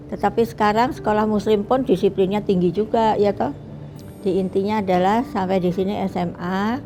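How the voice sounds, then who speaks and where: An older woman speaks in a mellow, soft-edged voice, reminiscing at an unhurried pace and pausing often to find her words. Her tone is that of a retired doctor telling her own story, with faint music under her. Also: medium pitch. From Bali, Indonesia. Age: 70s. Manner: unhurried, reflective, with many pauses and restarts. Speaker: retired eye doctor and professor. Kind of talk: recorded interview, personal reminiscence.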